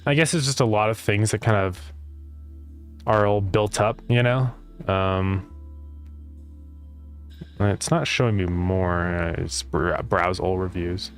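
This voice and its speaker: A man's voice: low voice, slow pace, pauses often. Man with retainer-slurred speech, music behind. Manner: rambling, thinking aloud. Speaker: game developer livestreamer. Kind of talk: casual livestream chat.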